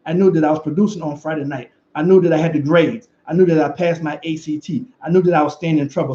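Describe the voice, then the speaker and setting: Fast-talking Louisiana coach, echoey room. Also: male voice, a little high. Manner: fast, excited, repetitive emphasis. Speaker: defensive back coach and YouTuber. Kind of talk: motivational talk to camera. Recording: echoey, dull lo-fi room sound.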